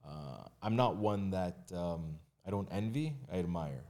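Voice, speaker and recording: Man, very low voice, podcast guest, casual candid chat, lots of fillers. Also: animated, measured pace, mellow. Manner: candid, conversational, with frequent fillers and restarts. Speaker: mortgage agent and realtor guest.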